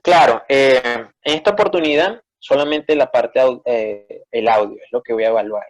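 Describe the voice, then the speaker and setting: A man with a Peruvian Spanish accent teaching an online class, explaining step by step and often checking with a quick "¿sí?". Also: medium pitch, highs cut off.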